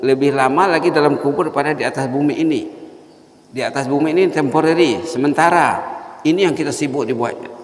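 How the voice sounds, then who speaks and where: A man preaching a morning sermon with emphatic, repeated points that swing between loud and soft. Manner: emphatic, rising to loud repeated points then dropping low. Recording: echoey hall reverb.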